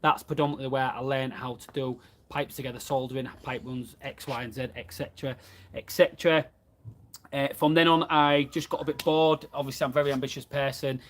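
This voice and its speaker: A man's voice: medium pitch, flat delivery, fast, few pauses, a little hiss or hum. A man, chatting casually about running his plumbing business in a live question and answer from his van. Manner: chatty and plain-spoken, reads out viewer comments. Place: inside a van.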